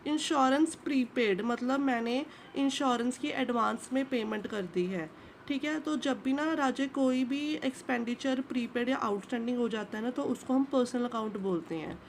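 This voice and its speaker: Gravelly-voiced Hindi-speaking woman teaching. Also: a little high, normal speed, slight background noise. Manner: patient, checks in often with repeated asides. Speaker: commerce teacher. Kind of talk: explanatory online lesson.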